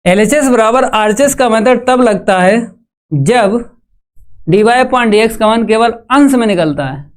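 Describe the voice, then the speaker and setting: Slow, clear-voiced male maths teacher. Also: high-pitched. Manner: talks students through steps, quizzes the live chat; calls students "bhai". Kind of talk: live online maths lesson.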